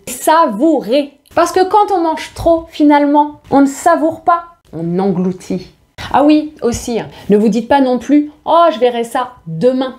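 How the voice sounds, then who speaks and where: A woman's voice: mid-range voice, darkish tone. A middle-aged woman dietitian speaking straight to camera, emphatic, with rhetorical questions and playful asides. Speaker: dietitian giving nutrition advice. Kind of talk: direct-to-camera advice video.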